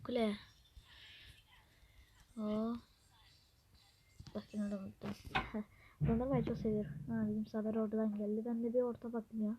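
A woman's voice: on the high side, little pitch movement, a little fast, long pauses, muffled recording. A Turkish woman with a blocked nose, chatting casually and muttering to herself as she plays a game. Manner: chatty, mutters and whispers to herself while playing. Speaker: gameplay streamer. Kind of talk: casual gameplay commentary. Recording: noisy home recording.

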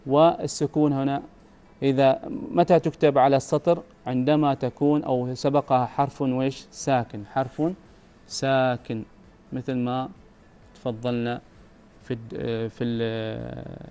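A man's voice: medium pitch, dark tone, clean tone. A man with an Omani Arabic accent teaching a recorded grammar lesson, patiently repeating his questions to the student. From Oman.

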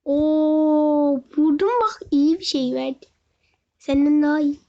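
Super high squeaky kid gamer yelling at his viewers, slow drawl, muffled lo-fi mic. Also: flat delivery. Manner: shouts and wails often; talks to viewers directly. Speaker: gaming video host. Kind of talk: excited gameplay commentary. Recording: dull lo-fi recording.

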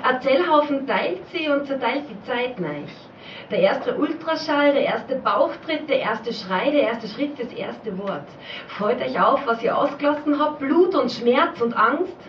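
On a small pub stage before an audience, a woman performs a spoken-word poem at a poetry slam, reciting rhythmically and repetitively with a dialect tinge. Her voice sits high and animated at a measured pace. The live recording is dull, roomy and distant, with slight background noise.

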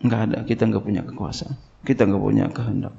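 A man's voice: on the low side, fairly even intonation, quick pace, gravelly, mellow. A man teaching a religious text, reading Arabic passages and explaining them in plain Indonesian, with casual asides and repeated key phrases. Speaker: Islamic boarding school teacher. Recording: long reverb, dull lo-fi sound.

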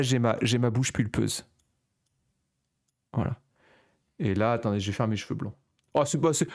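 A man's voice: medium pitch, vocal fry, darkish tone. Playful French man, mock rants. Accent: Parisian-region French. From France. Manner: playful, exaggerated storytelling. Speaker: panel judge. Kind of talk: comedic casual commentary.

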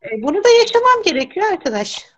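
A woman's voice: extremely high pitch, big pitch swings, fast, no room sound, lo-fi sound. A woman in her fifties hosting a casual talk-show conversation, speaking in an upbeat, emphatic way.

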